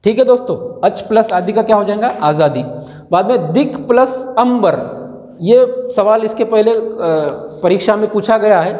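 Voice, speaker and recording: A man with a high-sitting, darkish voice speaks at a normal speed while teaching grammar in a classroom-style lesson. He quizzes the class by asking each answer back and then repeating it. The recording has the long reverb of an echoey room.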